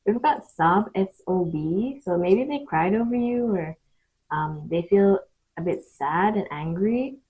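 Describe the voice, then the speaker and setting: A woman giving an improvised mystical tarot reading straight to the viewer, speaking in short, halting phrases with pauses between them. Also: mid-range voice, lively intonation, a little mellow, breathy edge, low-quality recording. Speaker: tarot card reader hosting readings.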